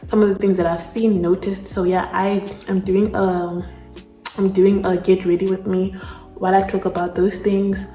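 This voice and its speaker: Doing her makeup for a get-ready-with-me chat, a young woman from South Africa, a beauty vlogger, rambles casually and says "like" a lot. Her warm, medium-pitched voice moves little in pitch at a moderate pace, in an echoey room with faint music behind her.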